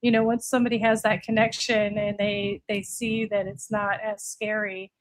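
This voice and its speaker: A podcast guest who breeds reptiles, this American woman in her late forties now lives in Virginia, having earlier lived in Florida. She chats casually in a mid-range voice with little pitch movement, keeping a moderate pace.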